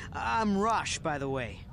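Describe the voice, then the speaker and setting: Game cutscene, a nervous, chatty young Jedi trainee, high and bouncy. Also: male voice, slow pace, creaky, a little hiss or hum, exaggerated voice. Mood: eager, nervous. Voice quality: excitable, chattery. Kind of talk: video game cutscene dialogue.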